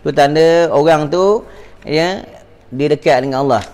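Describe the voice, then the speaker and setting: Malaysian man, sermon, high-pitched, repetitive preaching, addresses the congregation. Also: measured pace, a little mellow. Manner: preachy, repeats phrases, addresses audience as tuan-tuan. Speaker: religious teacher giving a mosque lecture.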